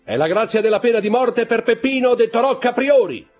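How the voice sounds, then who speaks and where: Audiobook figure: ceremonial religious leader, loud, clear, raised-pitch proclamation; male reader. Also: expressive, brisk, soft background music. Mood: proclaiming. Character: solemn male head of a religious brotherhood.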